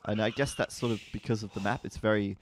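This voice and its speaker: A man casting an esports match live, chatty and quick to laugh. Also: fairly low pitch, fairly even intonation, slight background noise. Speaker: esports caster. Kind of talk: live game commentary. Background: faint background music.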